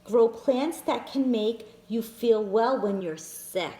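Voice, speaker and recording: A children's storyteller reads a picture book aloud to young kids, pausing to point out the pictures and calling her listeners friends. Her voice is a little high and mellow, and she takes it slowly. The recording has an echoey room sound.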